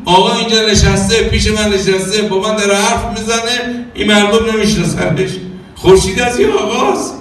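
A man preaching a sermon, telling stories and acting out quoted dialogue with sung phrases. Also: high voice. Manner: animated, acts out quoted dialogue, sings some phrases. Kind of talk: religious sermon with storytelling. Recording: echoey hall from far off.

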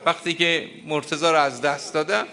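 Older male preacher, mourning sermon, forceful bright voice, impassioned and grieving. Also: a little high, fairly even intonation, creaky. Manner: impassioned, grieving, breaks into lamenting chant.

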